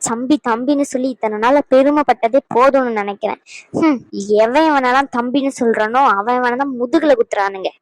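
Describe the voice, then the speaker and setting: A woman plays a fierce elder sister in a cartoon drama, scolding in a high voice that lectures without letup. The sound is dry and close, with no room around it. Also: brisk, no echo, close to an everyday voice, rough recording. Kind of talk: animated drama dialogue.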